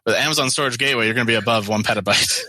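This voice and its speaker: Fast-talking wry male podcast host. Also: medium pitch, pushed and bright, dry recording. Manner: wry, joking banter. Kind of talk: casual tech podcast chat.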